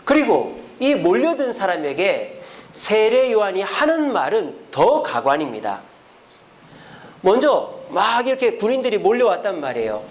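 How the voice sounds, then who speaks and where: A man preaching a sermon as pastor, acting out biblical figures in lively bits of dialogue. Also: high-pitched, measured pace. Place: church.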